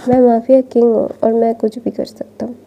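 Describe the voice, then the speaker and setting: A woman's voice: a little high, flat delivery, fairly quick, warm tone, natural voice. A woman voicing a confident, teasing young mafia king in a casual fan fiction story retelling. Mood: boastful. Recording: dull lo-fi recording.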